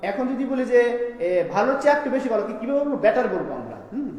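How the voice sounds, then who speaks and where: High-voiced male teacher in an echoey room. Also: sing-song, rapid-fire, a little mellow. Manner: explains step by step with repeated questions to students. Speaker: school teacher. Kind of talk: classroom grammar lesson. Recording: echoey room, long reverb.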